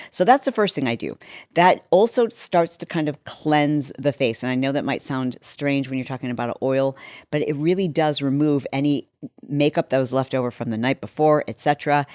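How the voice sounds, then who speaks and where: A health and lifestyle show host in her fifties talks casually and candidly, as if walking viewers through a personal routine, with acted-out asides. Her voice is low, a little mellow and slightly hoarse, deepened by a vocal cord injury. The recording is dry and close, with very little room sound.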